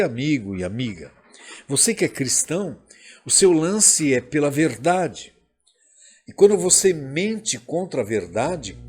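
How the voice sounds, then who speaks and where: A man with a Brazilian Portuguese accent preaching a sermon as pastor, slow and emphatic, with a husky voice. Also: on the high side, darkish tone.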